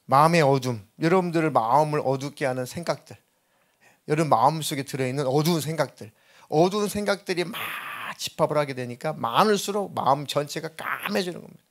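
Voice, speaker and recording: A middle-aged male pastor delivers an earnest sermon. His voice sits a little high for a man. He now and then acts out the voices he quotes. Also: fairly quick. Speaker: senior pastor.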